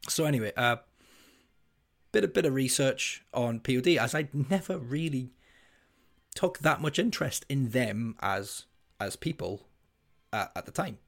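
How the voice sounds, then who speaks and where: A man in his thirties with a deep voice, co-hosting a casual music podcast. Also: animated, unhurried, gravelly, long pauses. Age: 30s. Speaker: podcast co-host.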